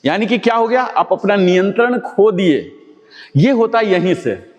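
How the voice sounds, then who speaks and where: A man's voice: high voice, sing-song, normal speed, a little mellow, dull audio. A man leading a yoga class. He gives step-by-step commands to the group and puts rhetorical questions to his students. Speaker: yoga instructor. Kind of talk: guided exercise class. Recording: long reverb.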